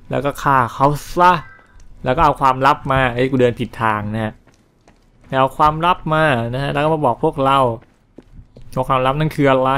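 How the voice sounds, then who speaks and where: A man casually commenting over a game he plays, talking in a chatty, loose stream. He drops coarse slang and mild swears as he goes, at an ordinary middle pitch. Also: fairly bright tone, clear, resonant tone. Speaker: gameplay commentator. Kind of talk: casual let's-play commentary.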